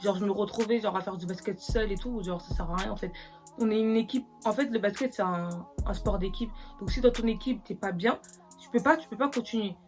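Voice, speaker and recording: Une jeune femme qui parle de façon décontractée et décousue, avec beaucoup d'hésitations et de reprises, en répondant aux questions de son public. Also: female voice, mid-range voice, brisk, a little mellow, faint music behind. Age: young adult. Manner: chatty, rambling, full of fillers and restarts. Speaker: vlogger. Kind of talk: casual get-to-know-me vlog.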